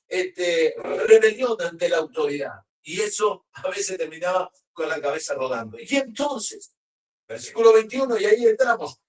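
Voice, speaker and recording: A preacher delivering a sermon, slowing and raising the voice to read verses aloud. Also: medium pitch. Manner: emphatic, slows and raises voice when reading verses. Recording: roomy hall, voice from a distance.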